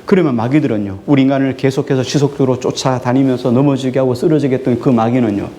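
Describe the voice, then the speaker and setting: A male pastor preaching a sermon to his congregation, putting questions to them and answering them himself, and drawing out key words slowly for emphasis. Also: medium pitch, fairly even intonation, dark tone. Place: church sanctuary.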